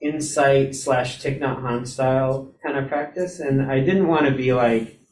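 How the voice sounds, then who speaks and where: A man's voice: steady tone, measured pace, a little mellow. A man casually telling a story to a Zen group, chatty and amused, laughing as he talks. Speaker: Zen practitioner sharing an anecdote. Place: Zen center meditation hall. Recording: echoey hall, distant mic, faint rumble.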